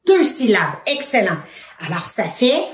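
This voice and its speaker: A woman with a Québécois accent gives a lesson to young children. She is patient and encouraging, with an unhurried pace and a rather high voice that moves a lot. The room sounds roomy and echoing. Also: big pitch swings, recorded from a distance. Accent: Québécois French. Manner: patient, encouraging, asks many questions. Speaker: children's educator.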